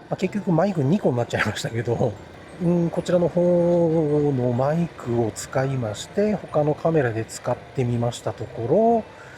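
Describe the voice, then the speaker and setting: A man chatting casually and politely to viewers as a motovlogger, explaining things with drawn-out phrase endings, his voice recorded inside a helmet. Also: a little high, dark tone. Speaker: motovlogger reviewing action cameras. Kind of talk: casual solo chat to viewers. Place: riding a motorbike outdoors, talking inside a helmet. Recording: noisy motorcycle ride, inside a helmet.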